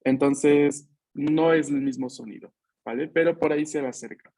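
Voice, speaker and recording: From home, a man with a slightly high, warm, steady voice teaches Italian to Spanish speakers by video call at a moderate pace. Patient, he keeps checking in with short questions and has the class repeat sounds after him.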